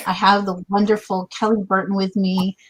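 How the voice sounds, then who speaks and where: A woman's voice: mid-range voice, little pitch movement, moderate pace, slight background noise, rough recording. A woman in her fifties hosting a casual livestream chat, bubbly and effusive, with lots of fillers. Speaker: host.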